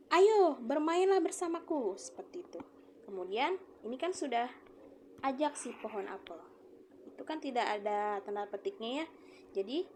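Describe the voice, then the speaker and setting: Patient woman teacher, fairly high voice. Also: darkish tone, slight background noise. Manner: patient, explanatory, often checks understanding. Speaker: primary school teacher. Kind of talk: reading-aloud lesson for children.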